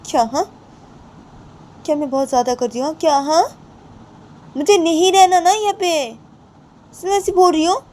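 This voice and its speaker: A woman voicing a stubborn young woman who retorts defiantly in a raised, high voice. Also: measured pace, pauses often, a little mellow.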